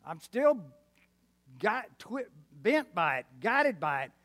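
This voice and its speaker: West Texas preacher in his seventies, swooping pitch. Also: big pitch swings, takes it slowly, a bit bright. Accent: West Texas twang. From Arkansas, New Mexico and West Texas, United States. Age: 70s. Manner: folksy, emphatic, asks the congregation for responses. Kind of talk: sermon. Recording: reverberant hall.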